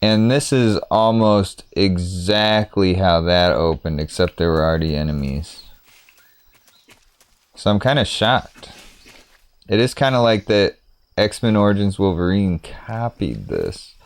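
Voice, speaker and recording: Low-voiced man, lively casual gaming commentary. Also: measured pace, smooth. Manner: rambling, playful, thinking aloud. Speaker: gaming streamer.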